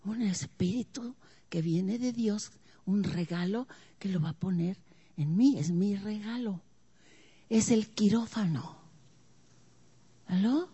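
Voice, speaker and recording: A woman preacher, preaching a dramatic sermon that swings from hushed to loud and keeps asking the congregation questions. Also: mid-range voice, takes it slowly, pauses often, breathy edge. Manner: asks the audience questions.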